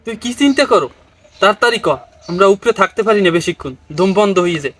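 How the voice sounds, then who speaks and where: A man's voice: high-pitched, lively intonation, fast talker. A man voicing a bossy male water spirit from a well in a comic folk tale, speaking. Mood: impatient.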